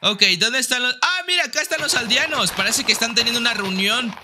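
A man with a Mexican Spanish accent giving playful, teasing gameplay commentary, jumping between squeals and mock-grand low tones. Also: quick pace, background noise. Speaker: gaming video host.

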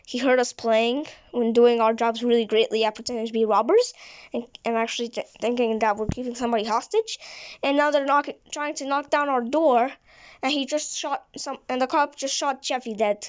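A woman's voice: a little high, moderate pace. A woman narrating an improvised fan story in a rambling way, often restarting her sentences. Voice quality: rambling, frequent restarts and stumbles. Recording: dull lo-fi recording.

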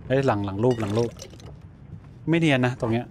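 A man chatting through a horror game in a loose, off-the-cuff way, swearing often and yelping when something startles him. His voice sits at an ordinary middle pitch, with a faint hiss underneath. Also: lively intonation, fairly quick, a little mellow. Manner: blunt, swears freely, jumpy exclamations. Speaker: gaming streamer. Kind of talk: casual let's-play commentary.

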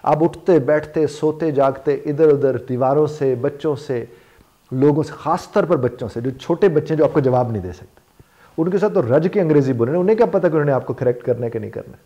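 A life coach teaching spoken English gives a motivational lesson in a fairly high, warm voice at a fairly quick pace, though the recording is muffled. He explains using everyday examples and repeats phrases for emphasis.

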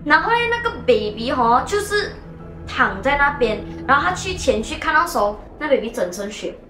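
A woman hosting a show and telling a ghost story casually, animated and mixing in English words. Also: high voice, normal speed. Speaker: host and storyteller. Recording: echoey room with faint music.

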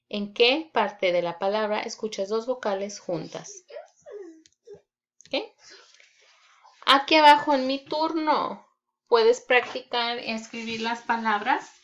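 Woman, teacher, children's reading lesson, deliberate, repeats words, dull lo-fi recording. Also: a little high.

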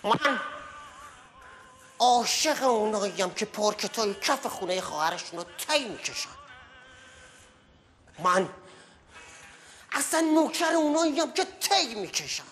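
An emotional, sulky grown son. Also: male voice, very high-pitched, very animated, long pauses, faint music behind, heavily acted. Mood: pleading. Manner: emotional, pleading, swinging between tears and shouts. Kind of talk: TV drama acting. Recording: crowd noise behind.

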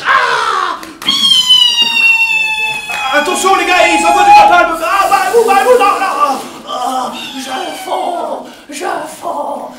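A young man playing a bombastic, crude king-slayer rallying troops in stage farce, shouting and exclaiming. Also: very high voice, very animated, slow, pauses often, music in the background, exaggerated voice. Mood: frantic bellowing. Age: young adult. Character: bombastic, crude Père Ubu leading his troops into battle. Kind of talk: farcical live object-theatre acting. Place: indoor theatre stage. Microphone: far camera. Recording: echoey theatre stage, distant mic.

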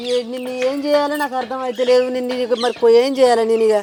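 A woman's voice: sits high, fairly even intonation, background noise. A woman, nagging and scolding over and over in a scripted village prank skit. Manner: nagging, repetitive, rapid scolding.

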